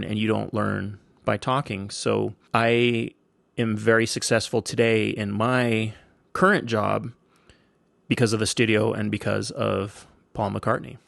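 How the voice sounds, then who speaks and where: A man's voice: fairly low pitch, gravelly, fairly bright tone, dry recording, studio quality. A man in his forties hosting a podcast, telling casual stories in a laid-back, slangy, rambling way. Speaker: podcast host. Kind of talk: casual storytelling monologue.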